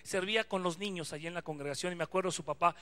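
A man with a Mexican accent preaches in an animated, storytelling style, acting out each bit of dialogue. His voice sits high and carries a bright, forceful edge. He moves easily between narration and dialogue. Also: rapid-fire. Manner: lively, acts out quoted dialogue. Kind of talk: storytelling sermon.

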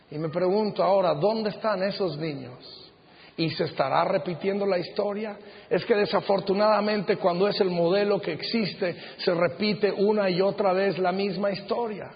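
A middle-aged male pastor preaching a sermon in an auditorium, earnest and measured, slowing down to stress key phrases. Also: high-pitched. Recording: dull sound with long hall reverb.

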